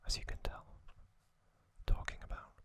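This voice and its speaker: In a soft, breathy whisper, an ASMR video host narrates gently. His phrases are brief, with long silences between them.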